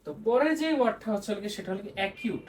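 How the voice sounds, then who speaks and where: A woman's voice: medium pitch, expressive, rapid-fire, darkish tone. A young woman giving a casual vocabulary lesson in a chatty way, repeating words as she explains them. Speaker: vocabulary tutor. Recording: faint background noise.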